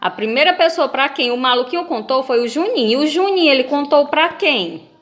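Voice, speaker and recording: A woman's voice: sits high, animated, brisk, fairly bright tone. A Brazilian woman teaching young schoolchildren in a video lesson, patiently reading a comic aloud and asking them questions. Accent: Brazilian Portuguese.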